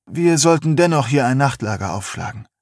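Storybook brute , voiced by a male narrator: big young man, domineering, taunting, husky. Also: medium pitch, expressive, a little fast, dry recording, studio quality. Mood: commanding.

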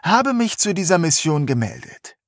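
Sulky youth , put on by a male reader: young man, defiant, snappish, husky. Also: on the high side, sing-song, moderate pace, dry recording, clean studio sound, pitched above the performer's own voice.

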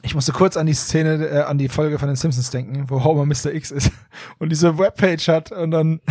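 Ein Mann, der in einem lockeren Podcast-Gespräch lebhaft über ein Hörspiel plaudert und dabei oft lacht. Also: male voice, on the high side, no room sound, clean studio sound. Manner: animated, laughs often, quick asides. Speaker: podcast co-host. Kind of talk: casual podcast chat reviewing an audio drama.

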